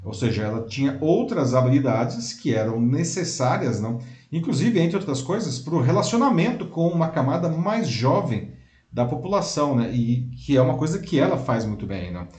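A man's voice: a little high, very animated, moderate pace, darkish tone, echoey room. A man co-hosting a live talk show, explaining at length in casual commentary and ending his points with tag questions. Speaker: co-host.

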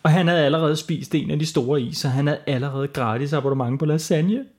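Playful man telling a bedtime story. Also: a little high. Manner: playful, lively. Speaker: storyteller host. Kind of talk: improvised children's bedtime story.

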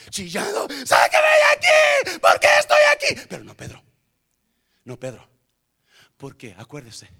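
A man preaching a sermon, calling on the congregation to answer him and swinging from hushed asides to loud shouting. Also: medium pitch. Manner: calls out to the congregation for response.

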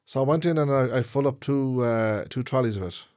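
Co-hosting a podcast, a man with a Dublin Irish accent rambles through stories in a casual chat, checking in with his listener by asking "yeah?" His voice is medium-pitched and somewhat dark, and he talks fairly quickly.

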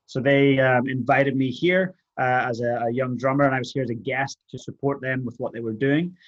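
A man's voice: mid-range voice, brisk, highs cut off. A man with a Northern Irish accent, a guest coach on a podcast, chatting in an upbeat, affable way over a video call. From Northern Ireland. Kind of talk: casual interview chat.

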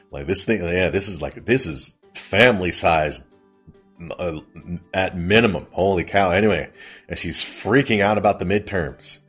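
A man hosting a casual recap of an old sitcom, chatty and quick to laugh. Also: low voice, fairly bright tone, breathy edge, faint music behind. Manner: laughs often, chatty and amused. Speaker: podcast host recapping a sitcom.

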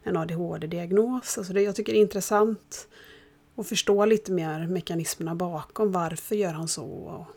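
A woman chatting in a relaxed conversation, thinking aloud about her children. She speaks at a measured, reflective pace and keeps a calm, even tone. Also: lowish voice, creaky. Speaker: parent. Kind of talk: casual podcast chat.

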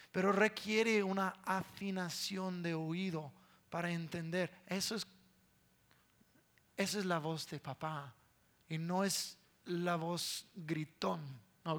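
A man's voice: high voice, fairly bright tone. A man in his thirties preaching a sermon, telling a conversational story with repeated words and playful sound imitations.

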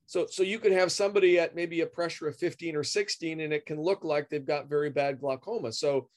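A man's voice: a little high, fairly even intonation, a little fast. A middle-aged man answering interview questions as a guest expert, explaining at length with many fillers and repeated words. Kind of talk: professional interview.

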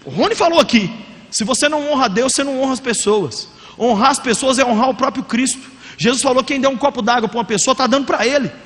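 A man with a Brazilian Portuguese accent preaching a sermon as pastor, energetic and humorous, acting out quotes. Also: very high voice, fast, long reverb tail.

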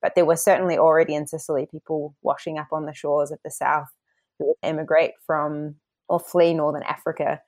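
A woman's voice: sits low, level tone, a little fast, darkish tone. A woman from New Zealand with a broad New Zealand accent, giving reflective, explanatory answers as an interview guest in a conversational style. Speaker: interview guest, academic author.

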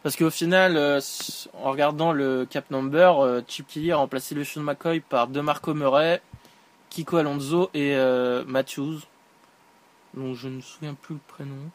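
A man's voice: fairly high pitch, steady tone, moderate pace. A man chatting casually on a podcast, a bit hesitant as he recalls things. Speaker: podcast panelist.

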